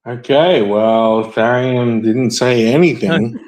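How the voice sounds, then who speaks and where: A man's voice: mid-range voice, takes it slowly, a little mellow, poor audio. A man hosting a casual podcast chat, rambling and hesitant with many fillers and frequent laughs. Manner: laughs often. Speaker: podcast host.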